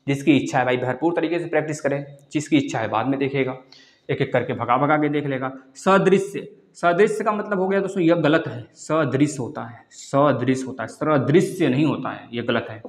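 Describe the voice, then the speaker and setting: A man's voice: medium pitch, a little fast, roomy sound. A man giving an exam-prep grammar lesson, repeating each word and asking the viewers questions. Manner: repeats words, quizzes viewers, calls them friends. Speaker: Hindi grammar teacher.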